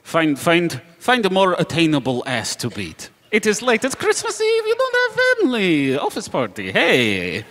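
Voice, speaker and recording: A man's voice: a little high, huge pitch swings, normal speed, hardly any pauses, fairly bright tone. A man voicing a weary, discouraging bartender in a tabletop game, dry and exasperated with formal phrasing. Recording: reverberant hall with some noise.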